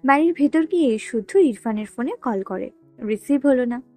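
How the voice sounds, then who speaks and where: A woman's voice: high voice, expressive, normal speed, warm tone. A woman narrating a romance novel aloud and voicing the dialogue herself. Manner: reads all characters' dialogue with only slight voice changes. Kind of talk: storytelling reading of a romance novel. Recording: dry close voice with faint background music.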